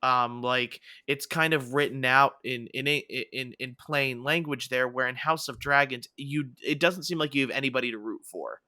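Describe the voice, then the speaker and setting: Podcast co-host, man, bright and forceful tone, dry close sound, talks in loose rambling runs. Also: mid-range voice, moderate pace, few pauses, no echo. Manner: rambling, many fillers and restarts. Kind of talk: casual chat.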